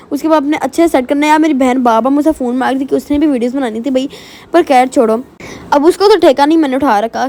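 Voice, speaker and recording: A young woman talks through her makeup routine in a casual voice-over. Her voice sits high, and she speaks very fast. She rambles in a chatty, self-mocking way. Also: darkish tone. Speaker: beauty vlogger. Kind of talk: casual get-ready-with-me voice-over.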